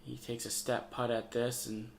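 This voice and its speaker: A man's voice: medium pitch, little pitch movement, moderate pace, gravelly, slight background noise. A man giving casual, upbeat play-by-play commentary on a disc golf round, recorded outdoors on the course. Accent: Michigan. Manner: chatty, upbeat play-by-play with fillers.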